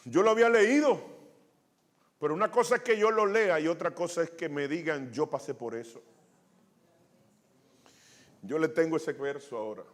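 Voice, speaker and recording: A man's voice: fairly high pitch, normal speed, pauses often. A male pastor preaching a sermon, telling a testimony with many restarts and acting out the quoted lines.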